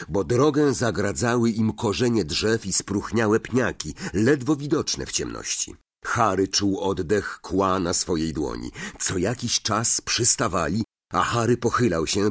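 Husky, expressive male audiobook narrator. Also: sits low. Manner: expressive storytelling, varied intonation.

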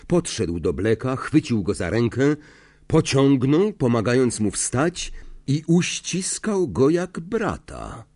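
Slow, expressive male audiobook narrator. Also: mid-range voice, no room sound, studio quality. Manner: expressive, measured reading. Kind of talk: scripted narration.

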